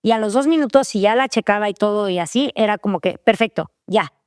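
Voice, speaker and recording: A woman's voice: mid-range voice, fast talker, darkish tone, clean tone, no room sound, studio quality. A woman co-hosting a faith-based parenting podcast, chatting casually and telling family stories. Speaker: podcast co-host.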